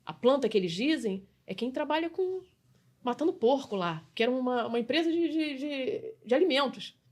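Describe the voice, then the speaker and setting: A middle-aged woman from Brazil, a customer experience mentor, telling her story as a podcast guest in an animated way, often restarting phrases and adding tag questions. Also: sits high, moderate pace. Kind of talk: conversational interview storytelling.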